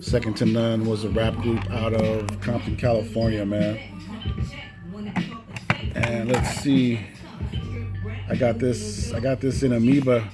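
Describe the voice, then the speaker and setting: A man hosts a casual, unscripted vlog showing off his cassette collection, laid-back and often tagging phrases with "man." His mid-range voice has little pitch movement, an unhurried pace and long pauses. Music plays behind him.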